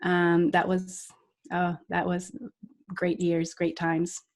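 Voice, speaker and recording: A life coach from Puerto Rico speaks as a guest in a podcast interview, earnest and reflective. Her voice is fairly low, slow, and monotone, and she often restarts her sentences and laughs.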